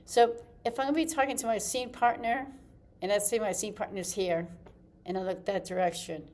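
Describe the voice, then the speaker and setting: A woman's voice: medium pitch, steady tone, fairly quick, a little mellow. A woman giving a casual acting lesson to camera, chatty and loose, often restarting her sentences as she demonstrates. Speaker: acting teacher.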